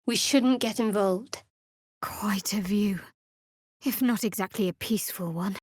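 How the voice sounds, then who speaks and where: A woman voices a guarded, wry fantasy cleric adventurer in a video game, delivering lines in a dry, measured, faintly sardonic way. Her medium-pitched voice is darkish and slightly rough, with no echo.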